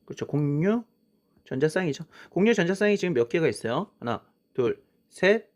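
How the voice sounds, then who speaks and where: A man's voice: a little high, darkish tone, dull audio. A man teaching a science lesson, drawing on a worksheet as he explains, often starting with "자" and asking questions that he then answers himself. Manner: frequent "자" and "그쵸?" as prompts.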